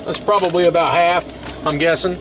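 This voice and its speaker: A middle-aged camping vlogger with a slightly high voice walks through his cooking at an outdoor camp stove, keeping a steady tone and moderate pace. His folksy narration covers each step. It's captured on a camera mic, so the outdoor background noise comes through clearly.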